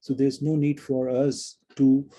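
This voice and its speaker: A man's voice: mid-range voice, monotone, measured pace, mellow, slight background noise, poor audio. A man giving an earnest spiritual talk and telling a moral story, repeating words for emphasis. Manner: earnest, repetitive emphasis, frequent restarts. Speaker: spiritual speaker.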